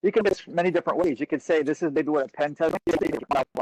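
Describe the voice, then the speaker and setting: A man's voice: fairly high pitch, fast talker, darkish tone, husky, no echo. Man on a breaking-up call line. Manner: loose, with fillers and restarts. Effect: breaking-up bad call connection. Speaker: meeting participant presenting slides. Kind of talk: technical work meeting. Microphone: remote video call. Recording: choppy call line, distant at times.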